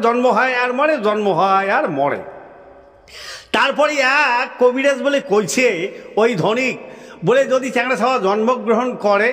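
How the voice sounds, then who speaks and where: A man voicing chatty old village men, high voice. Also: a bit bright, in a large hall. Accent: Rajbanshi. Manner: repetitive, folksy, laughing asides. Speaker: puppet-show voice performer. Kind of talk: folk puppet-show dialogue.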